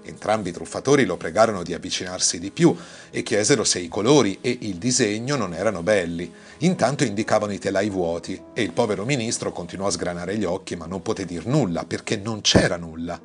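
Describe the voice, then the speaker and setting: A man tells a classic fairy tale in a lowish voice, reading expressively and lifting his tone when characters speak. Quiet music plays underneath the narration. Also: brisk. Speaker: storyteller. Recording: faint music behind the voice.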